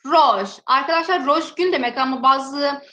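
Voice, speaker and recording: A woman teaching a language lesson, slowly sounding out each example word twice and then explaining its meaning. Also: high-pitched, animated, pushed and bright. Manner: slow, drawn-out pronunciation drills. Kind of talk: alphabet lesson with repeated example words. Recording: echoey room.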